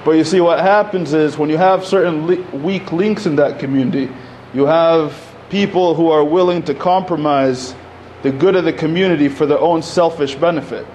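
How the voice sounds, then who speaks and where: A man's voice: on the high side, normal speed, hardly any pauses, darkish tone, a little hiss or hum. Man speaking off the cuff at a podium. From Egypt. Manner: conversational, many fillers and restarts. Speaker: panel speaker. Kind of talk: public talk at a podium. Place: community center hall, indoors. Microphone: podium microphone.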